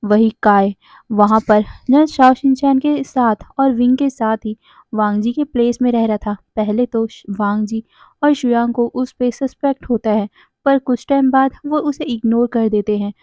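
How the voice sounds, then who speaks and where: A woman's voice: a little high, steady tone, a little slow, a little mellow, no room sound, muffled recording. A woman narrating a fan story in a casual, conversational way, now and then correcting herself.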